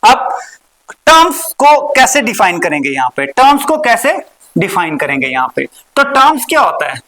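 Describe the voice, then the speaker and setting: A woman teaching a maths lesson. She asks questions, answers them herself, repeats key words and slows down on the important terms. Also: fairly high pitch, sing-song, a bit bright, poor audio. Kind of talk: recorded classroom lesson.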